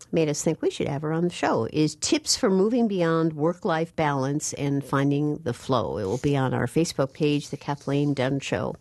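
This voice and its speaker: A woman hosting a radio call-in show from a studio, friendly and brisk as she moderates callers and keeps time. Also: deep voice, a little mellow, no echo. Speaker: radio talk show host.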